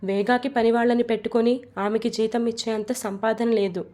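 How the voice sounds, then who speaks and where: A woman narrating a romance storybook in a plain, steady reading voice. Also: fairly high pitch, fairly quick.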